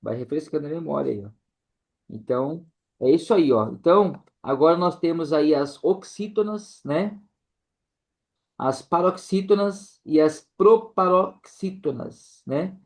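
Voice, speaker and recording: Slow-talking man teaching, keeps saying "né?". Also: fairly high pitch, darkish tone. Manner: tags nearly every phrase with "né?". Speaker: Portuguese teacher for a church group. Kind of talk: casual online lesson.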